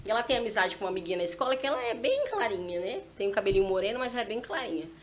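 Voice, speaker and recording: On a church podcast, a guest who is the mother of a small daughter tells a heartfelt parenting story in a casual testimony style. She talks fast and chattily in a mid-range voice, animatedly acting out the dialogue between herself and her child. Faint room noise can be heard behind her.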